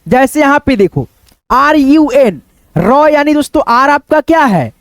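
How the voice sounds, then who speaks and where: High-voiced man teaching English rules. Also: very animated, unhurried, fairly bright tone, no room sound. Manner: drills spelling rules with repeated questions and answers; addresses viewers as friends, repeats phrases. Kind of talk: spoken English lesson.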